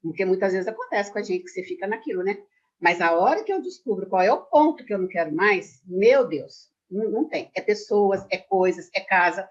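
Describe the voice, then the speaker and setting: Fast-talking woman in her sixties. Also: mid-range voice, dull audio. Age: 60s. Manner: animated storyteller, quick and emphatic. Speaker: numerologist guest. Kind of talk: casual chat on a video call.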